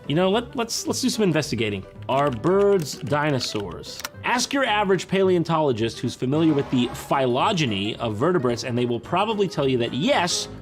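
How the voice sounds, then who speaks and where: A man commenting with sarcastic jokes while reacting to a dating show clip. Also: fairly high pitch. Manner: sarcastic, quick jokes, laughing. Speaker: reaction video host. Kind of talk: comedic commentary. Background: background music.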